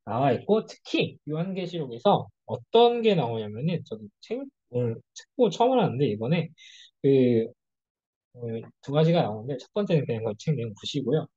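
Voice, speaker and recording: Lively, husky-voiced Bible study leader. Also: medium pitch, fairly quick, muffled recording. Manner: animated storytelling, acting out quoted speech. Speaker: church youth group study leader. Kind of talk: casual Bible study lecture.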